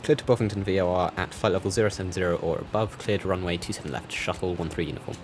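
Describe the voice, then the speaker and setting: A flight sim tutorial host, a man with a low voice who talks fast, reads back ATC radio phraseology in a clipped, procedural way, as though speaking through a cockpit headset. Background noise can be heard.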